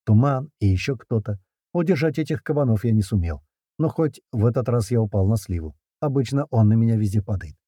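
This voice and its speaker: A man reading an action story aloud in the first person, with brisk, slangy narration and shouted lines for the characters. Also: lowish voice, expressive, dry recording, studio quality. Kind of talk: audiobook narration with character voices.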